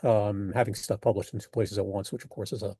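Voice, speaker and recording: An older man with an American accent talks reflectively in an interview, thoughtful and halting as he rephrases mid-sentence. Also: on the low side, little pitch movement, dark tone, breathy edge, no echo, clean studio sound. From United States. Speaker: poet being interviewed.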